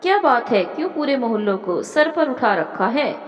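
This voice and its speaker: A woman voicing a drunk, quick-tempered young husband who barks rough demands. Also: fairly high pitch, very animated, highs cut off. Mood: angry. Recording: echoey room with long reverb.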